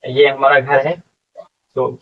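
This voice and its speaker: A man teaching an English vocabulary lesson, explaining slowly and repeating each word, asking questions and answering them himself. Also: medium pitch, completely flat delivery, distant mic, phone-quality sound.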